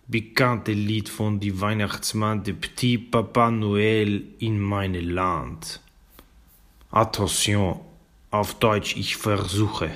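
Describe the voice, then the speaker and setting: A man's voice: lowish voice, fairly bright tone. A man doing Napoleon with a French accent. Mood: hesitant. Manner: broken German, sings slowly with French phrases. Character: Napoleon impersonation, French emperor singing a carol. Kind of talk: sung Christmas greeting. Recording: faint music behind.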